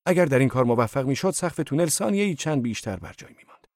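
A man narrating a novel as an audiobook in a steady, measured storytelling manner. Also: mid-range voice, no room sound, studio quality. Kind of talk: scripted literary narration.

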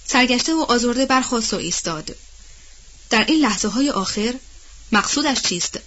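A woman narrating a novel in a steady, measured storytelling voice, on a dull, muffled recording. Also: on the high side. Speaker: audiobook narrator.

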